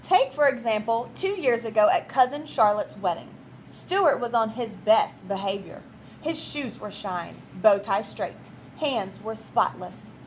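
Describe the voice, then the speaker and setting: A woman teacher narrating a children's story aloud in an expressive, playful way. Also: a little high, measured pace, a little hiss or hum, rough recording.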